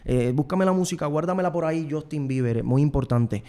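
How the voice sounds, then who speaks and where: A young Puerto Rican man, both show host and singer, delivers a rambling, repetitive, self-promoting comic monologue on an indoor studio set. His fairly high, mellow voice moves fairly quickly, recorded close on a desk microphone while he wears headphones.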